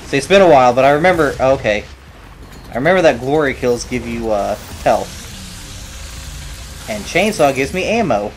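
A man casually commentating his own shooter playthrough, animated and swearing, cracking jokes. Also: medium pitch, moderate pace, pauses often, slight background noise. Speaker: gamer playing through a shooter.

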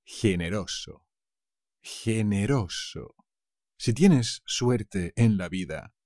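A man from Spain with a Castilian Spanish accent runs a vocabulary lesson, saying each word slowly and twice. His voice sits fairly low but swings with lively pitch, and the sound is dry and close. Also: no room sound. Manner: playful, slow and deliberate, drills each word twice. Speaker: language teacher.

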